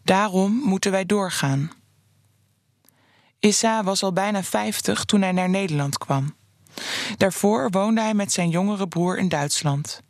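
A narrator reading a scripted fiction story in a measured, even storytelling manner. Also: medium pitch, no echo, clean studio sound.

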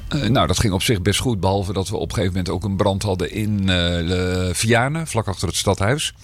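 A man's voice: sits low, brisk, slightly rough. A man serving as mayor, talking in a podcast interview with a slight cold, hesitant and full of fillers and restarts. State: slight cold, rough throat.

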